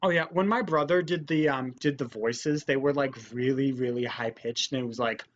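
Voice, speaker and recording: A man chatting casually and excitably through a let's play of a party board game, often saying dude. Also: mid-range voice, moderate pace. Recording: dull mic with faint noise.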